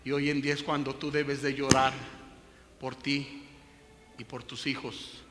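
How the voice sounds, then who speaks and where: Impassioned preaching man, bright voice. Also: medium pitch, level tone, a little slow. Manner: impassioned preaching, swinging from loud rebuke to hushed pleading. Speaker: pastor. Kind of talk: sermon. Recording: hall reverb with faint background noise.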